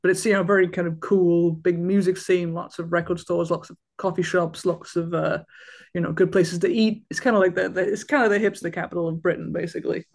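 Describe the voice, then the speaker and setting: A man's voice: high-pitched, little pitch movement, a little fast, vocal fry. A man in his thirties, chatting casually as a guest and rambling with fillers and restarts. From Wales. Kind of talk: casual conversation.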